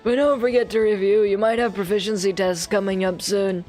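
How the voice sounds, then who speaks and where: A woman's voice: mid-range voice, steady tone, brisk, faint music behind, lightly acted. Woman putting on a frail, timid very old man. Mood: meek. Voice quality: very old man's voice. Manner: hesitant, mournful, fragile, gentle. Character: sleepy, timid male teacher with old man voice, frail, gloomy. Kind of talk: visual novel character reading.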